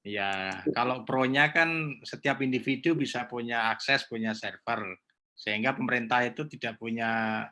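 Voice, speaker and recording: A man's voice: mid-range voice, measured pace, sharp tone. A male student earnestly explaining his point in an online class discussion.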